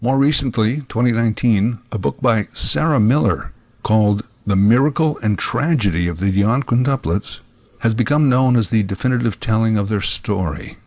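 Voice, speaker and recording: A man's voice: lowish voice, normal speed, a little mellow, no room sound. A man giving scripted documentary narration in a conversational way, recorded on a close microphone.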